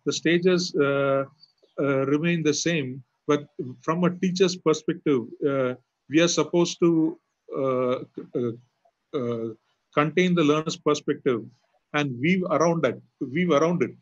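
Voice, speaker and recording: A man, answering questions in a webinar as an architecture lecturer, pausing often with fillers and restarts. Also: fairly high pitch, no echo. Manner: hesitant, many fillers and restarts. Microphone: video call mic. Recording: muffled lo-fi webinar audio.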